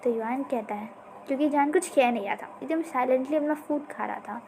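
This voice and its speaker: High-voiced woman retelling a story. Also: fairly quick, slight background noise. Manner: chatty, expressive.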